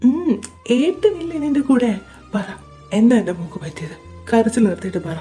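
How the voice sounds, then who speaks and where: A woman voicing a caring, protective young man who is an older brother, in an audio drama, speaking in a gentle but insistent, coaxing way. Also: on the high side, sing-song, moderate pace, faint music behind. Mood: coaxing concern. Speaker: voice actor in fan audio drama.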